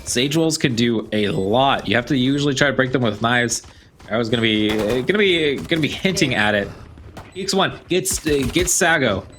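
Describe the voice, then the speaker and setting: A man calls a video game match play by play. His voice is mid-pitched and comes in halting, repetitive bursts. Background noise, clicks and game gunfire sit behind him. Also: lively intonation, fairly bright tone. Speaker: esports play-by-play commentator. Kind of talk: live play-by-play game commentary.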